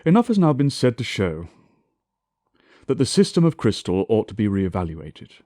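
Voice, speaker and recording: A man giving a scripted scholarly lecture in a formal, deliberate, declamatory way, with emphatic enunciation and touches of reconstructed Shakespearean English pronunciation. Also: on the low side, sing-song, a little mellow, no room sound, studio quality.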